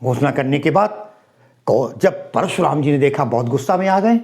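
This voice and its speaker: A man teaching and explaining verses of a religious epic, chanting lines slowly and then explaining them in an expressive way. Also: fairly high pitch. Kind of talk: expository lecture on verse.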